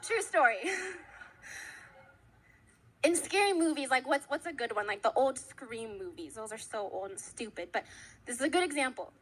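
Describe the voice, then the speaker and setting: A woman's voice: fairly high pitch, lively intonation, normal speed, pauses often, fairly bright tone, low-quality recording. A young woman preaching a sermon in a church, chatting casually and then building into impassioned repeated lines. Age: young adult. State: out of breath.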